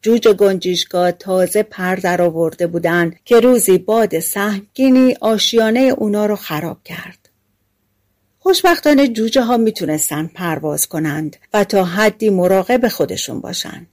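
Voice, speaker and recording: A woman narrating a fairy tale audiobook in a calm, even storytelling voice. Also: fairly low pitch.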